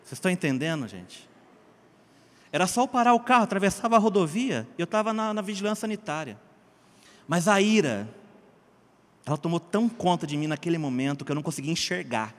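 Um homem brasileiro contando um testemunho em tom de pregação, animado, alternando gritos e murmúrios e chamando os ouvintes de gente e queridos. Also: male voice, a little high, lively intonation, brisk, pauses often, in a large hall. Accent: Brazilian Portuguese. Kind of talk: sermon-style personal testimony.

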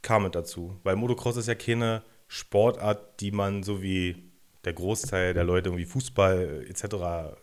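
A man's voice: low voice, steady tone, moderate pace. A man hosting a podcast, asking questions in a casual, teasing and joking way. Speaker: podcast host.

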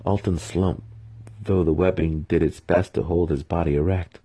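Fantasy fiction is read dramatically by a man whose deep voice sounds husky, rough-edged and mellow. The scripted audiobook narration moves at a moderate pace with fairly even intonation.

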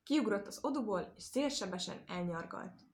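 A woman narrating an animal fable, reading in an expressive, measured way. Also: medium pitch. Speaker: storyteller. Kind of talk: storybook narration.

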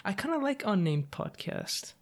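A young man co-hosting a casual podcast chat, excitable, swearing freely and laughing often. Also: high-pitched, moderate pace. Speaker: podcast co-host.

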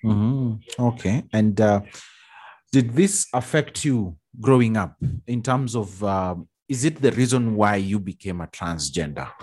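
Low husky male interviewer. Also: expressive, measured pace, darkish tone. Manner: attentive, with many backchannel mm-hmms. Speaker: magazine show host.

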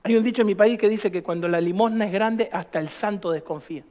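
A man's voice: sits high, fast talker, darkish tone. A man, a pastor preaching emphatically to a church, firing off rhetorical questions. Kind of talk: sermon.

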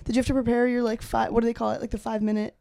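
Female podcast host, higher-pitched but hoarse from laryngitis, casual and slangy, close dry sound. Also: flat delivery, rapid-fire, warm tone, dry recording. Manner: sweary, slangy. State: hoarse with laryngitis, voice partly lost. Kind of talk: casual, joking interview chat.

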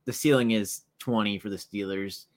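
A man's voice: on the low side, steady tone, moderate pace. A man co-hosting a casual sports talk show, talking eagerly and conversationally. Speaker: podcast co-host.

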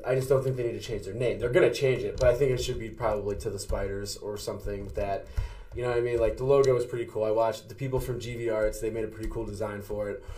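A man's voice: medium pitch, a little mellow. A man co-hosting a casual sports podcast, brash and foul-mouthed, mocking the others. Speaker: podcast co-host.

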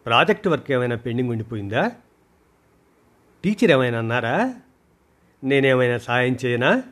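A man's voice: medium pitch, very animated, moderate pace, fairly bright tone. A man voicing an anxious, caring mother who fires off coaxing questions. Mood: worried.

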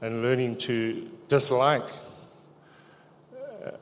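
A middle-aged man sharing his testimony in church, speaking quietly with halting pauses and restarts. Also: mid-range voice, big pitch swings, slight background noise. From South Africa. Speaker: church member giving testimony. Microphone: handheld microphone. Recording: echoey church hall.

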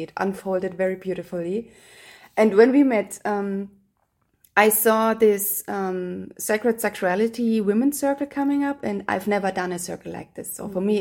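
A woman hosting her podcast, talking earnestly in a halting way with frequent fillers. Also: mid-range voice, darkish tone. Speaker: podcast host. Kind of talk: casual conversational interview.

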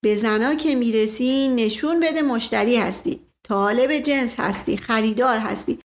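A woman with a fairly high, lightly acted voice plays a middle-aged nobleman who is flirtatious and blustering. He speaks theatrically and keeps crying out "momento," giving the scene a worldly feel.

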